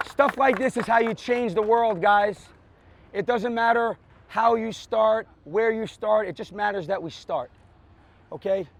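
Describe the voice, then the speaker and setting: A middle-aged man with a notably high voice delivers a motivational pep speech to a group. He is earnest and emphatic, repeating phrases for weight and checking in with short tag questions. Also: a little slow, a little hiss or hum. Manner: earnest, emphatic, repeats phrases for effect, tags with "right?" and "okay?". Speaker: police officer and motivational speaker. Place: outdoors on a sports field.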